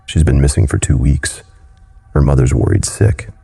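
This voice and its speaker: A man's voice: very deep voice, flat delivery, moderate pace, creaky, dark tone, husky, faint music behind, full character voice. A man voicing a stern female investigator. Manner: stern, assertive. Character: female private investigator, steely and firm.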